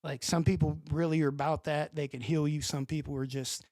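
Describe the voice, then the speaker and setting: Pittsburgh man, gravelly and dry-miked, animated profane storyteller. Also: a little high, a little fast, dry recording. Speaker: podcast guest. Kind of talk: casual storytelling.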